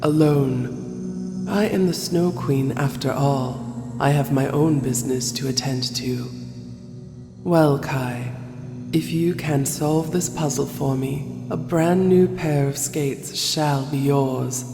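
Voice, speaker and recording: A woman acts a regal, manipulative Snow Queen for an audio play. She speaks slowly and with condescending poise, her voice ringing in a long, echoing hall over music. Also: very deep voice, heavily acted. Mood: coaxing, commanding.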